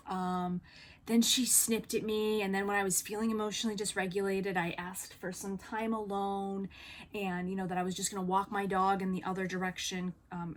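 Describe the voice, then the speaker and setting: A woman talks straight to the camera in a relaxed vlog, recounting an awkward encounter. She rambles a little with plenty of fillers, and she slips into the voices of the people she quotes. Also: medium pitch, fairly quick, a little hiss or hum. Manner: chatty, many fillers, acts out quoted dialogue. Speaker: vlogger on living with BPD. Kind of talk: casual storytelling monologue.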